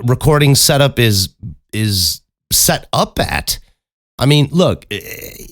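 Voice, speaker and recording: A deep-voiced podcast host and voice actor gives blunt, emphatic advice laced with swearing on his casual solo show. He records close to a studio condenser mic in an acoustically treated home room, so the sound is dry.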